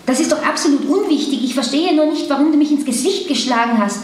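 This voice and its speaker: A woman's voice: on the high side, animated, moderate pace, natural voice. A woman reading aloud a bewildered young man who stammers and hesitates, in an echoey hall from a distance. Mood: agitated. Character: bewildered young man, gentle then upset. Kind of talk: literary reading.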